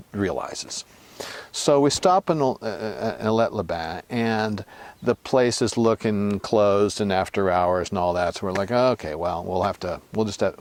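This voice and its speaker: A man recounts a trip in a relaxed, anecdotal way, his voice sitting on the lower side. He stumbles through fillers and restarts, then brightens and rises at the surprising turns. The sound is close and dry, with no room behind it. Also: dry recording. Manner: halting, many fillers and restarts, animated when excited. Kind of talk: casual anecdotal storytelling.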